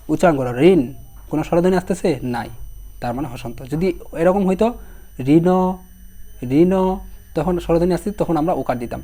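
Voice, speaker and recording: In an online class preparing students for an exam, a young man with a raspy, mellow voice pitched fairly high repeats every word at a slow pace. He spells each one out and quizzes his students as he goes.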